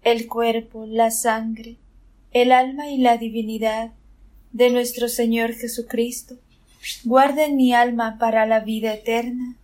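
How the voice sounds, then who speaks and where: Female prayer reader, fairly high voice, flat and solemn delivery. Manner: measured, solemn. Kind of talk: devotional prayer read aloud.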